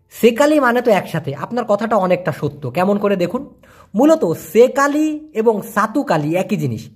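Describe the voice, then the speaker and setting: Guy doing a casual online language class, slightly husky voice, bouncy up and down pitch, answers viewer questions and drags out new words slowly. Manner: repeats words slowly and explains patiently. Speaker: language teacher.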